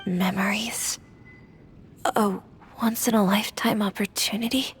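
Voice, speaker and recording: Game townswoman, acted by a woman: young, mid-pitched, wistful, hesitant, soft-hearted. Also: fairly even intonation, a little slow, faint music behind, close to an everyday voice. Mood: confused, hesitant. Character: wistful young woman clinging to old friends. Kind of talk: video game voice acting.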